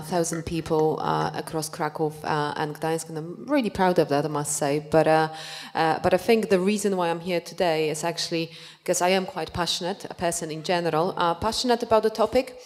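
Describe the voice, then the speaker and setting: A woman in her forties speaks on a conference panel in a notably deep voice. She holds a handheld mic and hesitates often with "uh". Her delivery stays measured and plain. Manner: hesitant, frequent uhs. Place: conference hall with audience. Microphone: handheld microphone.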